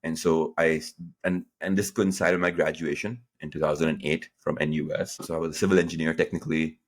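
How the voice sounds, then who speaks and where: Low, husky-voiced man telling his story. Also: quick pace. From Pakistan. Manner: animated, acts out quoted dialogue with jumps in pitch. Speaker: guest entrepreneur. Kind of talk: conversational interview storytelling.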